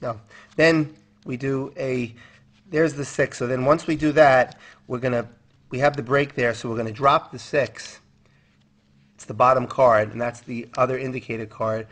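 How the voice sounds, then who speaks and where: A man's voice: medium pitch, fairly even intonation, moderate pace, a bit bright. A man giving card magician patter, explaining a trick step by step as an instructor, counting and posing questions as he goes.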